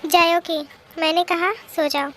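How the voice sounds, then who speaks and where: A woman's voice: very high-pitched, fairly even intonation, a little slow, a bit bright, a little hiss or hum. A woman voicing a stern, teasing older brother who scolds and gives orders in a fan-made drama dub. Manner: scolding, commanding.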